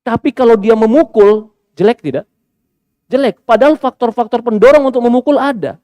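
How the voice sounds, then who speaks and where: A male Islamic preacher giving a sermon, asking rhetorical questions and moving between emphatic peaks and quiet asides. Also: very high-pitched, brisk, dry recording, studio quality.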